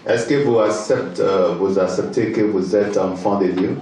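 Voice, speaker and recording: In halting second-language French with fillers, a Ghanaian-accented pastor who natively speaks English delivers a sermon and stops for an interpreter. His voice is lowish and warm, with soft music behind it; the distant recording in an echoey church hall carries faint noise.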